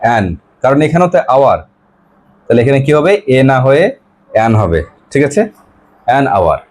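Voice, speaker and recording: His mid-range voice is sing-song with a darkish tone as this West Bengal teacher takes a grammar class. He keeps questioning the pupils, repeats their answers, and reads English example sentences slowly and carefully.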